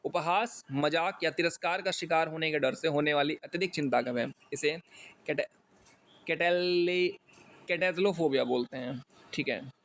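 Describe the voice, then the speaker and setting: A man's voice: on the high side, normal speed, fairly bright tone. A man with an Indian accent giving a casual vocabulary lesson, chatty with jokey asides and some stumbles over long words. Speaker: exam English teacher.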